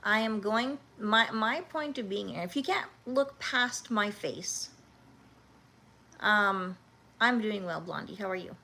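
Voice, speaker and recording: A woman in her fifties hosting a livestream, talking earnestly and haltingly, with many restarts, as she answers viewers' comments. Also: mid-range voice, animated, pushed and bright. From Canada. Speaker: livestream host.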